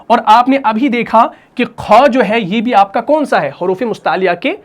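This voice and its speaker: A man's voice: extremely high pitch, animated. Patient man teaching Quran recitation rules. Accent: Pakistani Urdu. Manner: explains patiently, repeats rules, models drawn-out recitation. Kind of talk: tajweed lesson.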